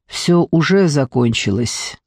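A man reading an audiobook, voicing a calm young female ghost who speaks steadily and with assurance. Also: a little high, takes it slowly, breathy edge, dry recording, clean studio sound, full character voice.

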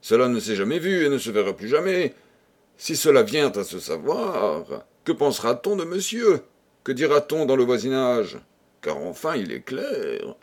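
A man's voice: medium pitch, sing-song, moderate pace, a little mellow, husky. A man reading the part of a flustered, pleading middle-aged concierge in an audiobook. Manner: pleading, stammering protest.

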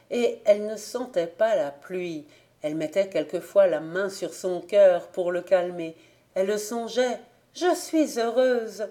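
A woman reading a classic novel aloud as a volunteer audiobook narrator, in a measured, gentle manner. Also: on the low side. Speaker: audiobook reader.

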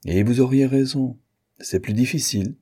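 A man reading an audiobook, voicing an older aristocratic marquise with an ironic, teasing manner and a husky voice. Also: mid-range voice, normal speed, dark tone, voice pushed up, lightly acted. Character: older aristocratic French marquise, witty and worldly.

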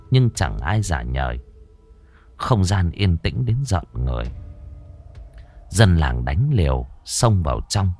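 Deep-voiced male storyteller, lively, dramatic pitch swings, suspenseful ghost-story read.

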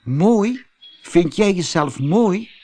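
A man's voice: high-pitched, animated, a bit bright, voice pushed up. A man voicing a blunt, hasty female ladybird who talks in a hurry. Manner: blunt and hurried.

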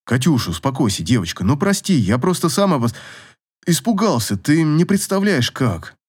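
A man's voice: a little high, very animated, moderate pace, breathy edge. An actor playing a sardonic, swearing man who teases and mocks. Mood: soothing. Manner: mocking, swears.

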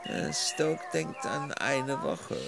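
An actor in a comic radio play as a genial, dithering country gentleman with a mannered, fussy politeness. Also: mid-range voice, big pitch swings, slow, vocal fry, heavily acted. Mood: amused, fussy. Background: music behind.

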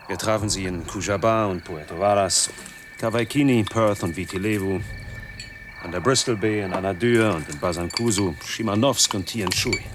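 An actor with a low voice plays an embittered, middle-aged man in his forties who has fled from noise. He delivers a brooding radio drama monologue in clipped, emphatic fragments.

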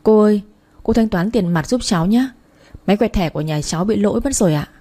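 A woman's voice: medium pitch, expressive, fast talker, dark tone, close to an everyday voice. A woman voicing a polite young female shop clerk who speaks deferentially and apologizes, in a read-aloud story. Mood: apologetic.

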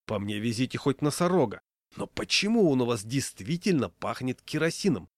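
A man's voice: mid-range voice, very animated, moderate pace, no echo, clean studio sound. A man voicing an irritable, elderly male passenger who grumbles in exasperation. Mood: exasperated.

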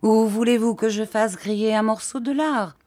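A woman's voice: fairly high pitch, fairly even intonation, normal speed, a little mellow, voice pushed up, lightly acted. A woman reading an audiobook voices a fussy, fawning older landlady who simpers her offers. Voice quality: obsequious, simpering.

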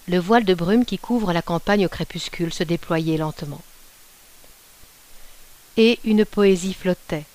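A woman narrating a classic short story in a measured, unhurried reading voice. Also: on the low side, a little mellow. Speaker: audiobook reader.

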